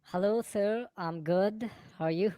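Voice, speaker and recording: A man with an Indian accent speaking through a voice changer that disguises his voice, answering interview questions haltingly and rephrasing as he goes. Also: sits high, mellow, clean tone, no room sound. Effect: voice changer disguising the real voice. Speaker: interview guest, former student of Islamic preaching.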